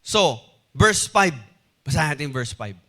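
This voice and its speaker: A man's voice: fairly high pitch, measured pace. A male pastor preaching a sermon in a conversational storytelling way, asking the congregation rhetorical questions. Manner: animated, mixing in English phrases.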